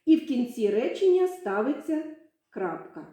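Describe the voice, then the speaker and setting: Very animated and warm, a primary school teacher with a fairly high voice speaks at a moderate pace as she teaches young children to read. She patiently stretches words out to show their syllables, in a very echoey room.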